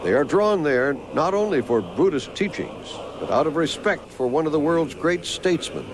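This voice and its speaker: A man's voice: fairly high pitch, big pitch swings, normal speed, noisy background. A man reading scripted documentary narration as the film's narrator. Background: music.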